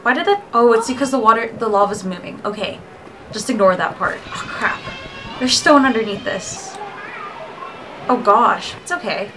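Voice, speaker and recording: A woman in her twenties giving casual, excitable gameplay commentary, talking herself through her moves. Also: a little high, normal speed, over music, low-quality recording. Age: 20s. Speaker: gamer and streamer. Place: bedroom, indoors. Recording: clear background noise with clicking.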